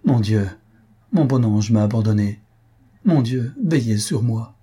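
A man's voice: medium pitch, normal speed, warm tone, breathy edge, pitched above the performer's own voice, natural voice. A man voicing an emotional young countess who pleads in a raised, lilting voice, read from a classic novel. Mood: despairing prayer. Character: young countess, tender, tearful, highly emotional.

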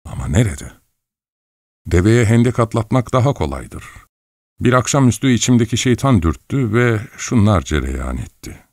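Man, audiobook narrator, very low voice, expressive and wry, dry close studio sound. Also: normal speed, dry recording. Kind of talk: first-person audiobook narration.

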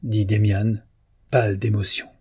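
A man narrating a novel in a measured, literary reading. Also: lowish voice, level tone, mellow, breathy edge.

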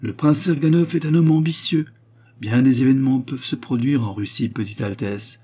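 A grave, secretive old man in a storybook reading, as a man reading aloud puts him on, humble and respectful. The voice sits higher than the reader's own and keeps a husky, dark tone. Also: moderate pace, close to an everyday voice.

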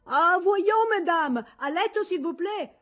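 A woman voicing a fussy governess who scolds schoolgirls, with a high, chiding voice in an audiobook reading. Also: lively intonation, slow, fairly bright tone, exaggerated voice. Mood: scolding. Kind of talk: audiobook character voice.

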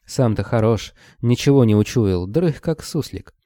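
A man's voice: medium pitch, expressive, unhurried, dark tone, dry recording, studio quality, pitched above the performer's own voice, natural voice. A man voicing a tough young woman monster hunter who speaks sharply and scolds. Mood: scolding.

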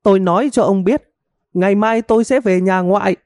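Man doing a shrill middle-aged village wife, hot-tempered, nagging, wailing, very high voice, storybook reading. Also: brisk, a little mellow, dry recording, studio quality. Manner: scolding, wailing melodramatically.

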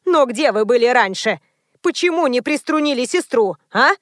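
Angry, imperious older matriarch, loud and indignant, read by a woman narrator for an audiobook; dry close sound. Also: on the high side, lively intonation, moderate pace, dry recording, natural voice. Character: furious older mother-in-law, imperious.

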